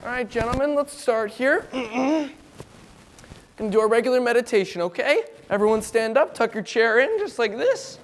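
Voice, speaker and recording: A young man doing a comic teacher impression of a fussy, earnest teacher who speaks deliberately and gets easily exasperated. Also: extremely high pitch, expressive, long reverb tail. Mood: calm instructing. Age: young adult. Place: school classroom.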